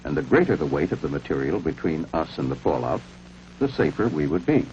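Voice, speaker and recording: An American man narrating a scripted 1950s civil defense film in a measured, authoritative, instructional manner. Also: a bass voice, sing-song, darkish tone. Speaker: documentary narrator. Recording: muffled, noisy vintage film soundtrack.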